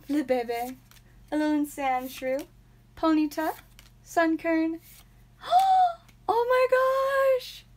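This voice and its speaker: A young woman hosting a live stream from a small home room, chatting casually and naming each card aloud with bursts of excitement. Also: high-pitched. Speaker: live stream host opening card packs.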